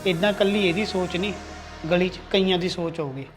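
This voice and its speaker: A man's voice: high-pitched, fairly even intonation, brisk, over music, lightly acted. A man playing a loyal, protective younger brother-in-law in a family drama, earnest and lecturing. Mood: pleading. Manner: earnest, lecturing, threatening when angered.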